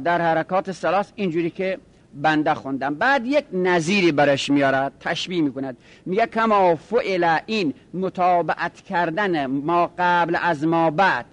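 A man teaching a grammar lesson, reciting word forms slowly over and over, then explaining them in quick asides. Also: high voice. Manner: drawn-out chanting repetitions of word forms.

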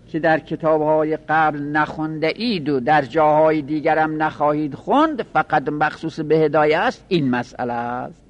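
High-voiced Luri-accented male teacher. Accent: Luri Persian. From Lorestan, Iran. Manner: explains patiently, repeats each example, often checks the class follows. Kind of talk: classroom lecture on grammar.

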